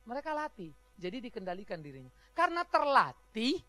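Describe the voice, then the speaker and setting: A pastor delivers a sermon in a loose, joking style and often breaks into laughter. The pitch swings widely, and the sound is dry, with little room echo. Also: very animated, a little fast, sharp tone. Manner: humorous, chatty preaching with frequent laughter. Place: church.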